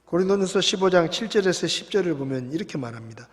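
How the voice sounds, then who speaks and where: A male pastor preaching a sermon, shifting between quiet reflection and loud emphatic passages, recorded in a church sanctuary. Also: a little high, expressive, fast. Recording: long reverb of a church hall.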